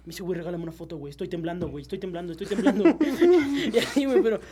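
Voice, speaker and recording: A young man with a Mexican accent, telling excitable, slangy stories in casual chat. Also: high-pitched, very fast, a crowd in the background.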